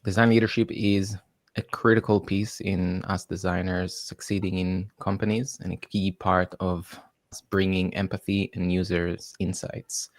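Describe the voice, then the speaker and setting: Male panelist from Israel, very low voice, upbeat. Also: dry recording, studio quality. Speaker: designer, panel guest. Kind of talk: panel discussion.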